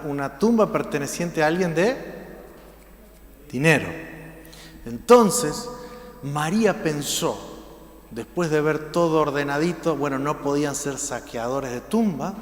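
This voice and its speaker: A man preaching a sermon in Rioplatense Spanish, swinging between loud emphasis and hushed lines. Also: on the high side, reverberant, in a large hall. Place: church.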